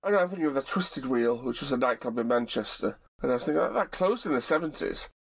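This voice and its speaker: A man's voice: medium pitch, expressive, fast, creaky, slightly rough. A man co-hosting a casual review chat, wry and sarcastic. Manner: wry, sarcastic, quotes in mocking voices. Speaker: podcast co-host.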